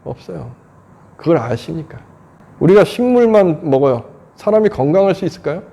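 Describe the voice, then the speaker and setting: A man's voice: fairly high pitch, animated, normal speed, vocal fry, dark tone. A man in his fifties, a Buddhist monk, giving an earnest, conversational dharma talk full of rhetorical questions. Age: 50s.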